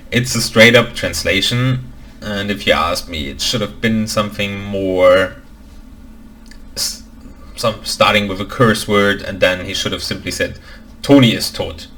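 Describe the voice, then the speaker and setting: The recording is rough, and the man's pitch sits fairly low. He is a language expert from Germany reacting to a film, offering dry, opinionated critique punctuated by deadpan asides.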